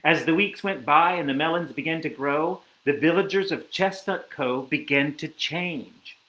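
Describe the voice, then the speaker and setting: A man reading a children's picture book aloud, with animated storytelling and asides to a listener. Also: on the high side, reverberant, rough recording.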